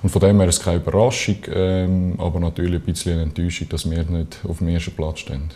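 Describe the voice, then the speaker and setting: A young Swiss man, a handball player, answering in a studio interview with measured, hesitant phrasing. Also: low voice, little pitch movement, warm tone. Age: young adult. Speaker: professional handball player, team captain. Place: small TV studio.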